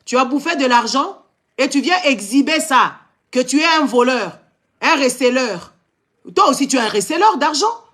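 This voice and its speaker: A man's voice: extremely high pitch, animated, normal speed, a bit bright. Angry man with a Congolese French accent. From Democratic Republic of the Congo. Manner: angry and confrontational, repeated scolding exclamations; switches between French and Lingala mid-sentence. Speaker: live-stream commentator. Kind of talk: heated live-stream rant.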